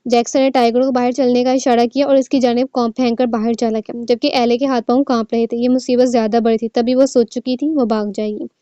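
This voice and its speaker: Woman narrator for novel reading, slightly high, mellow, dry and dull sound. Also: level tone, fairly quick, few pauses, no echo.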